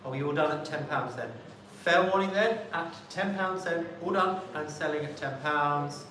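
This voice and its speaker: Recorded from a distance in a highly reverberant room with faint noise, a man works a live auction, politely naming lots and repeating bids in rhythmic chant. His voice is a little high and moves at a moderate pace.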